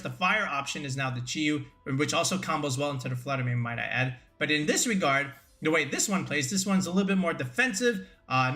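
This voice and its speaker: A man giving casual, energetic commentary on competitive game teams, full of fillers and tag questions. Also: a little high. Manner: energetic, filler-heavy, keeps saying "right?". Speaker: competitive Pokemon content creator.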